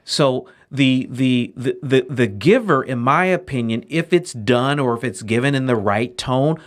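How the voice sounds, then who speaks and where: A man's voice: mid-range voice, a little slow. A man co-hosting a podcast, giving earnest advice in a casual way with a touch of humor. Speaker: podcast co-host.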